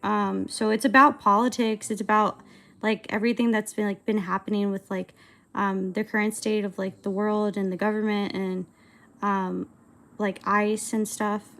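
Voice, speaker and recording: A woman's voice: mid-range voice, flat delivery, normal speed, vocal fry, a bit bright. A woman in her twenties chatting casually on a livestream while she animates, rambling and hesitant, with lots of filler words. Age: 20s. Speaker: streamer and animator.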